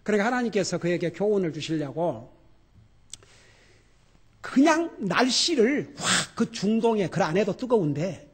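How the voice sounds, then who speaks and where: Delivering a sermon from the pulpit, this middle-aged pastor is animated and laughs, alternating between booming exclamations and hushed emphasis. He has a high voice with a breathy edge.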